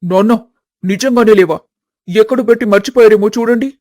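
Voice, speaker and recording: A man voicing a firm, protective young son in an animated family story. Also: sits high, a little fast, no room sound, clean studio sound, natural voice. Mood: anxious. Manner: firm, defiant. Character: protective young adult son, hot-tempered.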